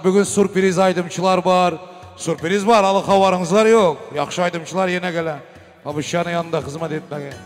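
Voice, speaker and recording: Booming high-pitched male wedding announcer. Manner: festive, emphatic, blessing the couple and directing guests. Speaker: wedding master of ceremonies. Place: reverberant wedding venue. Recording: hall reverb with music behind. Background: music.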